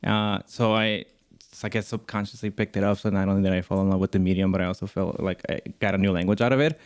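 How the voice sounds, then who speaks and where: A young man from Guatemala speaks as a podcast guest, his voice pitched a little low and smooth, clear in tone. He tells his story in a relaxed, earnest way, often pausing on "uh". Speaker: podcast guest, network assistant. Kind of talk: casual interview chat.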